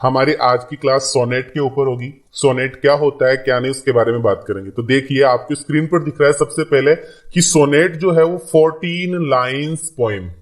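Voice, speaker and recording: A man's voice: medium pitch, moderate pace. A man teaching an English lesson in Hindi, repeating key points and reading English lines aloud. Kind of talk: classroom lecture.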